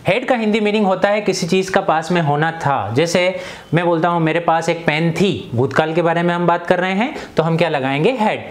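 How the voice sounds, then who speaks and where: A young man teaching an English grammar lesson in Hindi. He often asks the class questions and repeats each example sentence slowly. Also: a little high.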